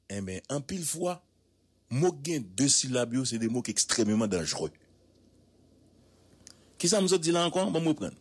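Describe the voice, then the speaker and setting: Male Haitian radio commentator, husky tone, wildly lively delivery, emphatic and repetitive. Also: mid-range voice. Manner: emphatic, drawn-out repetitions, proverbs and rhetorical questions. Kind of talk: animated news commentary.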